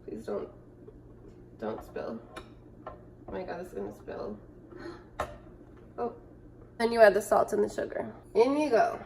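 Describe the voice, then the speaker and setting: In her home kitchen, a young woman in her twenties vlogs casually, thinking aloud while she cooks, her voice stuffy and nasal from a cold. She talks slowly at medium pitch with a creaky quality and long pauses. Background noise is audible on the close-range camera or phone.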